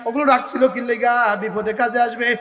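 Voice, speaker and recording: A man delivers an impassioned sermon in a very high, bright voice, driving his points home through repetition. He slows down to chant Arabic verses, and his voice rings through a roomy, echoey hall. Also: fairly even intonation. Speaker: Islamic preacher. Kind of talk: waz sermon.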